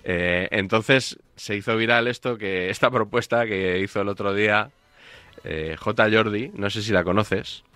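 A man's voice: fairly low pitch, steady tone, measured pace, sharp tone, no echo. A man hosting a casual sports talk show with wry, playful humor. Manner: wry, playful, plays clips and quizzes the assistant. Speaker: radio sports show host.

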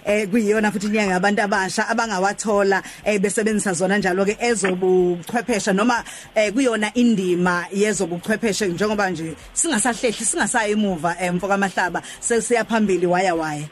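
A woman's voice: medium pitch, quick pace, slight background noise. A woman with a Zulu accent presenting a radio show in a conversational style as host.

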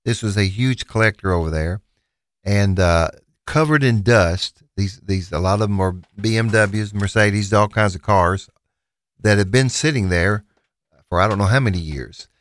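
Um homem com sotaque do sul dos Estados Unidos, apresentador e leiloeiro, falando num bate-papo de rádio cheio de hesitações e recomeços. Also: male voice, fairly low pitch, moderate pace. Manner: rambling, many restarts and fillers. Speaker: auctioneer and radio host. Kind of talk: casual radio talk.

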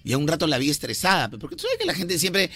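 A man's voice: on the high side, wildly swooping pitch, fast talker. A man hosting a radio show, telling a jokey story in casual banter. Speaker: radio host. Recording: studio radio with loud music bed.

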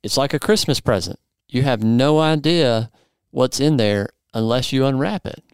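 A man's voice: mid-range voice, moderate pace, smooth, no echo, studio quality. A man in his forties hosting a podcast, explaining in an upbeat, playful way and interviewing a guest. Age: 40s. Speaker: podcast host.

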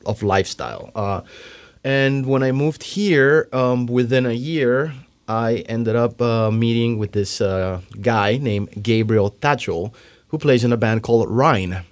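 A man from Miami, Florida, a drummer telling his story in a casual interview, easygoing and halting with ums and uhs. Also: mid-range voice. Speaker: drummer, guest.

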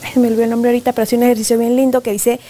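A woman, speaking as a guest expert in a conversational interview, animated and often acting out parents and children. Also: fairly high pitch, rapid-fire. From Guatemala. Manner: animated, acts out parents and children in quoted voices. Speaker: positive discipline expert guest.

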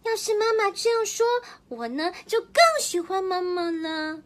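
A woman's voice: very high voice, moderate pace, voice pushed up. A woman voicing a small child who adores its mother, speaking in an earnest, childlike way. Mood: earnest, sweet. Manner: sweet, earnest childlike telling.

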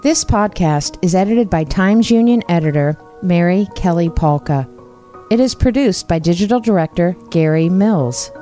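Mellow-voiced woman narrating a podcast. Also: fairly low pitch, lively intonation, soft background music. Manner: measured, earnest storytelling. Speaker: investigative reporter and podcast narrator. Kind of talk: scripted narration.

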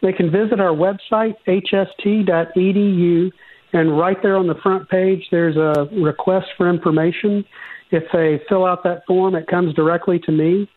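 A man's voice: high voice, steady tone, moderate pace. Georgia-accented man on a phone-like line. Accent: Georgia, US Southern. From Georgia, USA. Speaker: seminary admissions director, interview guest. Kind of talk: conversational radio interview. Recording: tinny, narrow phone-like line.

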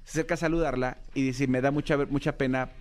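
A man's voice: medium pitch, fast talker. A man with a Mexican Spanish accent co-hosting a radio show, telling stories in casual chat and acting out quotes. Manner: animated storyteller, acts out quotes.

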